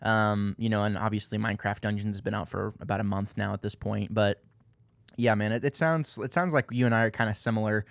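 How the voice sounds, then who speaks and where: A man's voice: lowish voice, fairly even intonation, brisk, creaky, no echo. A man hosting a casual gaming podcast, talking in a rambling, friendly way with lots of fillers. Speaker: podcast host.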